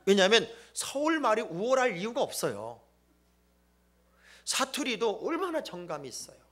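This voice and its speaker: A man preaching a sermon as a church pastor, joking and emphatic, swinging between loud exclamations and hushed asides. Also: high voice, very animated, moderate pace. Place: church sanctuary.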